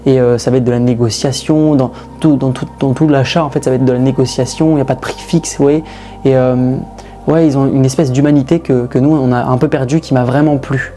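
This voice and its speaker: A man's voice: medium pitch, steady tone, fairly quick, warm tone, soft background music. A man recounting his impressions to camera, hesitant and full of fillers. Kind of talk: testimonial to camera.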